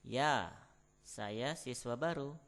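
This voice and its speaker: An Arabic tutor with an Indonesian accent runs vocabulary drills for beginners, reading short Indonesian phrases as prompts and then pausing for answers. His voice is medium in pitch and a bit bright.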